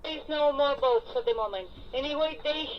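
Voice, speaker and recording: A woman's voice: high voice, normal speed. A woman working as a marina radio operator, heard over a marine VHF radio, giving brief, clipped instructions. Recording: muffled radio speaker with faint hiss.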